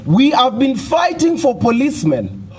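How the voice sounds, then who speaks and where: A man's voice: very high voice, huge pitch swings, a little slow, slightly rough. A man with a Kenyan accent gives a fiery revolutionary political speech as an activist spokesperson, rallying people with repeated phrases and call and response. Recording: loud crowd responding around speaker. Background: crowd answering and chanting.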